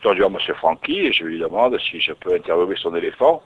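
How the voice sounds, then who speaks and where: A man's voice: low-pitched, fast, slightly rough. A man telling his story as an interview guest, musing and often restarting his phrases. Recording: tinny narrowband radio recording.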